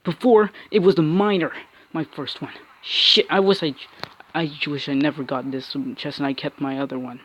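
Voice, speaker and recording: Annoyed guy raging about his game, bit high voice, keeps cursing and stumbling over words. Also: fairly even intonation, normal speed, a bit bright. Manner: frustrated ranting with frequent cursing and restarts. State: angry. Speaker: mobile game player. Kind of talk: angry gameplay commentary.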